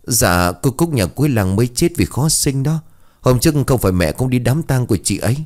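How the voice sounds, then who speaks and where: A man's voice: mid-range voice, lively intonation, brisk, a little mellow, voice pushed up, natural voice. A man voicing a frightened, crying village boy who talks in tearful pleas. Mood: pleading. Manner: tearful, pleading.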